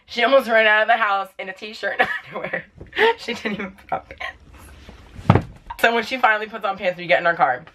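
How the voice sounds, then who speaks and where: A man's voice: high voice, fast talker, hardly any pauses, background noise. A young man tells a casual storytime vlog, rambling and leaning on lots of "like" fillers. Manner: rambling, heavy use of "like" fillers. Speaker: vlogger.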